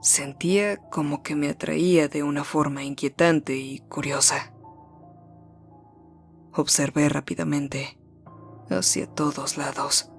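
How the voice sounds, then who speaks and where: A storyteller with a voice of middle pitch, narrating a first-person horror tale in a hushed, measured way that slows and sinks at the tense moments. Faint music runs underneath. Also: steady tone, gravelly.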